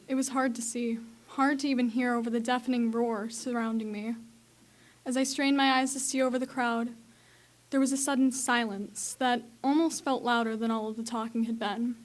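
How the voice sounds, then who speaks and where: A woman's voice: a little high, steady tone, moderate pace, natural voice. A young woman playing an onlooker in the crowd, telling it earnestly. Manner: earnest, shouting at times. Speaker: student actor.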